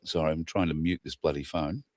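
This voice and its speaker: Casting: male livestream host, deep wheezy voice with a cough, self-deprecating casual chat, dry sound. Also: fairly even intonation, fairly quick, no echo. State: chesty cough, getting over flu. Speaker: show host.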